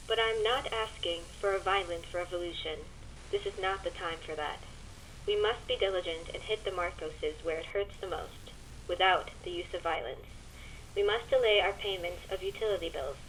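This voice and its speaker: A woman plays a resolute woman opposition leader in a stage drama, her voice on the low side. She speaks in measured, earnest oratory over faint radio-like noise. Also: fairly bright tone, natural voice, rough recording. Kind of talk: scripted political speech acting.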